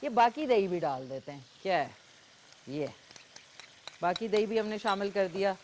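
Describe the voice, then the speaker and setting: A woman's voice: medium pitch, lively intonation, moderate pace, a little mellow, a little hiss or hum. A woman with a Pakistani Urdu accent hosting a live cooking show, chatting as she cooks and takes callers. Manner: chatty, talks while cooking, frequent fillers.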